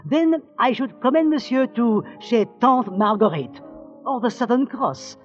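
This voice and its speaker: A man's voice: very high voice, animated, unhurried. An actor playing a polite, fussy male hotel waiter with a French accent, in 1940s radio drama style. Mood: obsequious. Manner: obsequious, drops French phrases. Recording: dull old radio broadcast with music.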